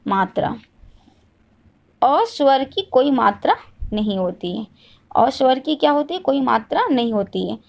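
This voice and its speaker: Woman, teacher, fairly high voice, asks and answers herself, repetitive drilling lesson. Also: very animated, a little slow, gravelly, pauses often, darkish tone, highs cut off. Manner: asks questions and answers them herself, repeats each point. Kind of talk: classroom lesson.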